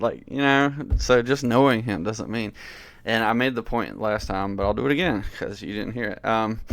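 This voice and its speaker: A man's voice: fairly low pitch, gravelly, no room sound. A man from the American South giving casual commentary on worship song lyrics, amused and incredulous, with lots of fillers. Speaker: worship music critic.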